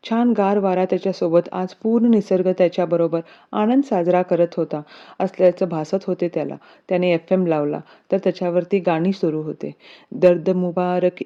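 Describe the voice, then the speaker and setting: A woman narrating a romance story in a steady, expressive reading. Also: lowish voice. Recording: dull lo-fi recording.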